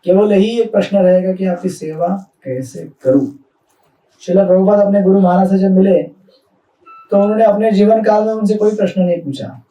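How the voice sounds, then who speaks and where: A spiritual speaker gives a conversational devotional talk in Hindi-mixed speech, asking the audience questions along the way. His male voice is high-pitched with a dark tone and a moderate pace. The mic is distant in an echoey hall.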